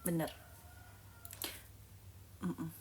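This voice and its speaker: A woman from Lampung, Indonesia, hosting a livestream and chatting casually with viewers in a playful, teasing way, often dropping to a soft whisper. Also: extremely slow, slight background noise. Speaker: livestream host. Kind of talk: casual livestream chat reading viewer comments.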